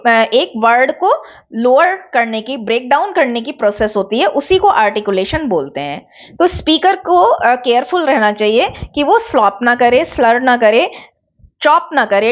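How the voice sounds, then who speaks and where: Lively-voiced woman teaching a class. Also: fairly high pitch, lo-fi sound. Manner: explains terms with examples, mixing English words into Hindi. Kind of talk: online exam-prep lecture.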